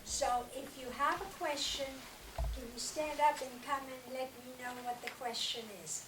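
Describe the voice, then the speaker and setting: Elderly German-born woman addressing students, slow and earnest, high voice, taped from across the room. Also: steady tone. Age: older. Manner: earnest, direct, urges listeners. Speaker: Holocaust survivor speaking to students. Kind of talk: talk to a school class. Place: school classroom or hall. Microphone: no mic, recorded from across the room. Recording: roomy, distant, faint hiss.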